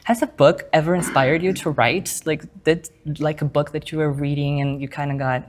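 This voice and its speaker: A woman interviewing on the radio, enthusiastic and quick with affirmations. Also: low voice, fairly even intonation. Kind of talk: casual interview.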